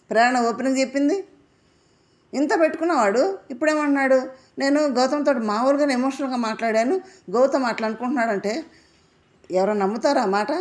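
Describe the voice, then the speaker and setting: Woman ranting about a reality show episode, slightly high voice, keeps asking who'd believe it. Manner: indignant, fires off rhetorical questions. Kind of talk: casual episode analysis vlog.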